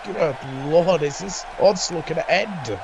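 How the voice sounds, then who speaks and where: Man, wrestling colour commentator, slightly high pitch, reactive conversational delivery, noisy crowd behind. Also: animated, measured pace, vocal fry, highs cut off. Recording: loud crowd and background noise. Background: crowd noise.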